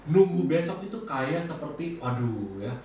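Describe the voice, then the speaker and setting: A man preaching a sermon, telling lively personal stories and acting out his own remarks. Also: mid-range voice, fairly quick. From Indonesia. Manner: lively storytelling, acts out his own quoted lines. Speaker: bishop preaching. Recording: echoey hall from far off, faint noise.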